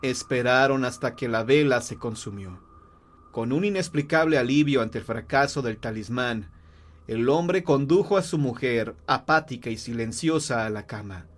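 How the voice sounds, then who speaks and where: A man narrating a horror tale in a measured, grave storytelling voice. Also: mid-range voice, animated.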